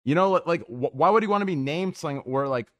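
A man's voice: a little high, expressive, quick pace, a bit bright, dry recording. A man chatting casually in a group podcast, slangy and given to swearing.

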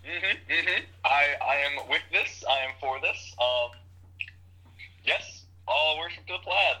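A man calling in over speakerphone, earnestly playing along in a comic call with a deadpan manner. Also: a little high, takes it slowly, low-quality recording. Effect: heard over speakerphone. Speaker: caller. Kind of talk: comic prank podcast call.

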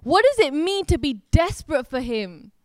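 Woman preaching, chatty and earnest, high voice, very dry sound. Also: big pitch swings, normal speed, no echo. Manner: earnest, conversational with many fillers. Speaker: worship speaker. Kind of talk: informal preaching.

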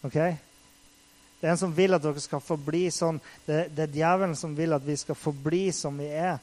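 A man's voice: fairly high pitch, steady tone, darkish tone, low-quality recording. Conversational Norwegian-speaking male preacher. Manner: conversational, many fillers, acts out quotes with rising intensity. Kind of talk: casual sermon.

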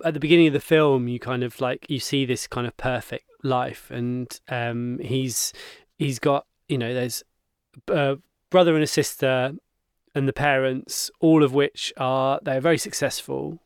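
A man co-hosting a podcast, chatting casually about a film, self-mocking and quick to laugh. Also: medium pitch, steady tone, smooth, dry recording, clean studio sound. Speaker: podcast co-host. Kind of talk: casual film review chat.

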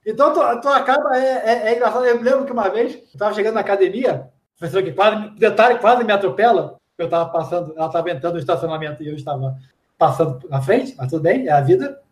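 A man from Brazil with a Brazilian Portuguese accent, chatting casually as an interviewee, slangy and full of anecdotes and quick asides. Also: sits high. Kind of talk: casual chat. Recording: echoey room.

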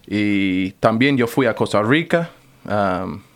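A man's voice: on the low side, expressive, slow. An American man whose first language is English, answering interview questions in careful learner's Spanish, with frequent stops and restarts. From United States. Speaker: radio guest.

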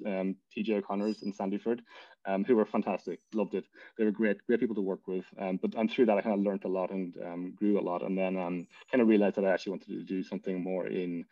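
A man's voice: low voice, warm tone, dry recording, highs cut off. A man with a Donegal, west of Ireland accent talking casually as an interview guest, rambling as he thinks aloud. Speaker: interview guest, tech business founder. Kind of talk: casual interview talk about work and life.

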